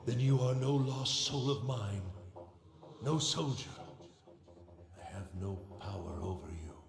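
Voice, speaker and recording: A man's voice: medium pitch, a little slow, gravelly. A man doing a ghostly dead king through an echoing voice changer. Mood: commanding.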